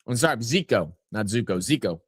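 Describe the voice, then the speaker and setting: A man hosting a live watch-along of a soccer match, giving casual play-by-play and reading out chat messages in a relaxed, rambling way. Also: mid-range voice, fairly quick, breathy edge, dry recording, clean studio sound.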